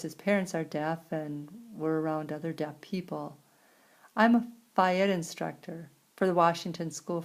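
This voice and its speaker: An American-accented woman, working as a sign language interpreter, voices a signer's personal story in halting phrases with pauses. Her voice is deep, creaky, and a little mellow.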